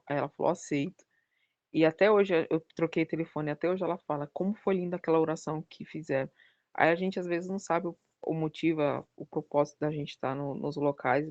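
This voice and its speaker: A woman giving a personal religious testimony as a podcast guest, telling her story with lively acted-out dialogue. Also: low voice, no echo. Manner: animated storytelling, acting out the dialogue.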